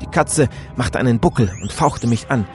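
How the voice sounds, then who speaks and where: A man reading a first-person story aloud in a dramatic, animated way, switching into voices for the characters. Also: medium pitch, moderate pace, soft background music. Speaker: audiobook reader.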